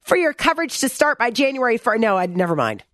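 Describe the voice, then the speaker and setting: A woman's voice: fairly high pitch, big pitch swings, fast, a bit bright, no echo, studio quality. A woman hosting an opinion commentary segment, reading text aloud and mocking it in a sarcastic, blunt, exasperated way. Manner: reads text aloud and mocks it.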